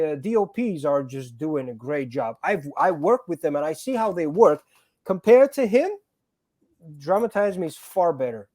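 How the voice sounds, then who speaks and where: Male actor guest, from Georgia by way of Greece, slightly high voice, earnest and repetitive in casual chat. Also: darkish tone. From born in Georgia, raised in Greece. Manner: earnest, repeats words while finding phrasing.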